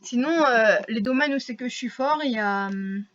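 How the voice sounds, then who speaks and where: A woman's voice: fairly high pitch, moderate pace, a bit bright, lo-fi sound. A teenage girl chatting casually to camera, rambling and poking fun at herself with many fillers and restarts. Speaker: vlogger.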